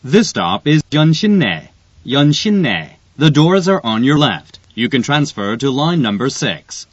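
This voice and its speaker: Man, train announcement over onboard speaker, extremely slow and deliberate, slightly husky, dull dry sound. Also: mid-range voice, sing-song, no room sound. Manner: formal, deliberate, clearly enunciated. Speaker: subway announcer.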